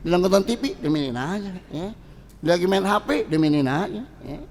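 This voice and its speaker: A middle-aged preacher with a Betawi Jakarta accent, talking in a lively, colloquial way. His high voice swings widely in pitch and turns gravelly at times. It carries the long reverb of a mosque hall. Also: moderate pace. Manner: animated, colloquial, acts out quoted voices. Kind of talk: sermon.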